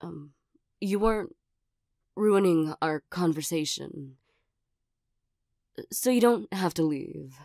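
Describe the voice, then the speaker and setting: A woman playing a flustered, nervous cat creature in a soft-spoken ASMR role-play, speaking hesitantly with stammers. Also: lowish voice, takes it slowly, vocal fry, pauses often, no echo, clean studio sound.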